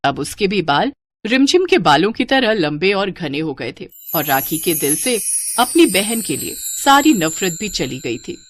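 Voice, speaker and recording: A woman narrating a moral cartoon story in an even, clear way. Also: lowish voice, unhurried.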